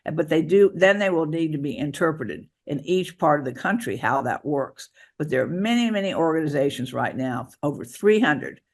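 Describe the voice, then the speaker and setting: A man answering interview questions as a guest author and advocate, talking in a halting way with many restarts. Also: on the high side, lively intonation.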